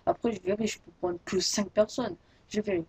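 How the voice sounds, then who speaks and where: Teenage girl, gaming YouTuber, casual announcement, rambling and hesitant, husky voice, dry close sound. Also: medium pitch, a little fast, a little mellow, no echo. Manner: rambling, hesitant, many restarts and fillers. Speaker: Minecraft YouTuber.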